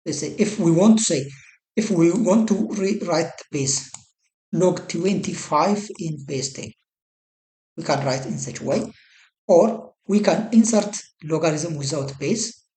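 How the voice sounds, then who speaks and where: A software tutorial presenter walking through a program step by step, often hunting for words and correcting themselves mid-phrase. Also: mid-range voice, reverberant. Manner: halting, searches for words, repeats "some kind of". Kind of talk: screen-recorded software walkthrough.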